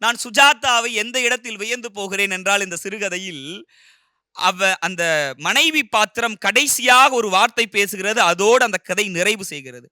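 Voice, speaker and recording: A man retelling a short story with expressive, animated narration. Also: high-pitched, normal speed, no echo, clean studio sound.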